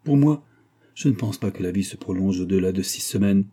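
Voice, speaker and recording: A man voicing a grave older doctor in a read-aloud novel, speaking in a measured, matter-of-fact way. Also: low-pitched, expressive, dark tone, slightly rough. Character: grave older male doctor, blunt but calm.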